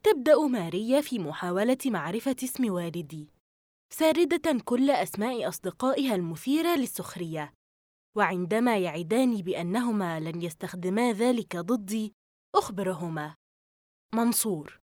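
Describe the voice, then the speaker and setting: Brief: expressive female audiobook narrator, animated first-person reading, dry booth sound. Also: medium pitch, brisk, no echo.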